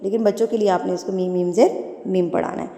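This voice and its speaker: A woman teaching Quran tajweed, patiently explaining and spelling words out slowly syllable by syllable. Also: medium pitch, fairly even intonation, warm tone, roomy sound, long reverb tail. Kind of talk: tajweed lesson with slow spelled-out recitation.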